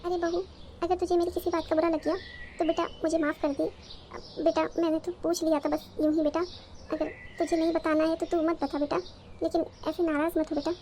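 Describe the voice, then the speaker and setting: Lady putting on a soft-spoken older mother-in-law in a cartoon, high voice, coaxing and sorry. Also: level tone, a little fast, slight background noise. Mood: pleading. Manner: coaxing, apologetic.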